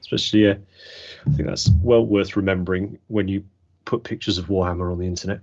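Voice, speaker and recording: A man hosting a casual hobby podcast, relaxed and chatty. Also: sits low, quick pace, creaky. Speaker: podcast host. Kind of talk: casual chat. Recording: dull lo-fi audio.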